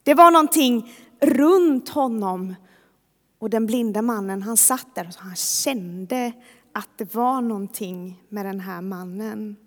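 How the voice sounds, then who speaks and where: A woman's voice: mid-range voice, fairly bright tone, long reverb tail. A woman preacher giving a sermon, retelling a story in a vivid, conversational way.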